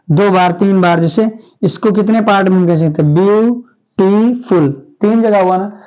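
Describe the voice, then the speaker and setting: High-pitched guy teaching grammar in class, keeps asking then answering himself, muffled lo-fi sound. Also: warm tone. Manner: asks the class questions and answers them himself.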